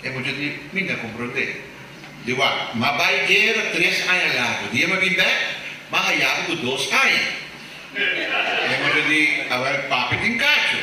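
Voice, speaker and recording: A fairly high-voiced man tells stand-up stories from a stage, animated and quick to slip into shrill character voices. He sounds far from the mic in a very echoey room, with steady background noise. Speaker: stand-up comedian. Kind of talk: stand-up comedy storytelling. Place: live stage with audience. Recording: echoey distant live room recording. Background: audience laughter.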